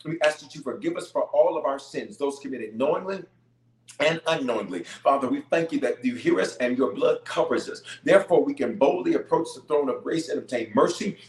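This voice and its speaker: A man's voice: mid-range voice, expressive, a little fast. A man, a bishop leading fervent spontaneous prayer, repeating phrases emphatically and rallying his listeners in a preacher's cadence. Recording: echoey, reverberant room sound.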